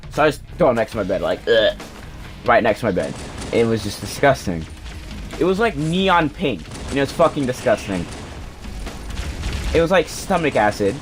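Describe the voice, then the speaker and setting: A young man casually telling a personal story, rambling, swearing and restarting his sentences on a cheap home microphone. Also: mid-range voice. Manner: rambling, profane, self-interrupting. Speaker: storyteller vlogger.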